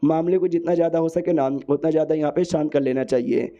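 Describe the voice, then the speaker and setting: A man voicing an earnest young male hero who reasons calmly with a foe, in his own everyday voice. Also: fairly high pitch, fast talker, dull audio, lightly acted.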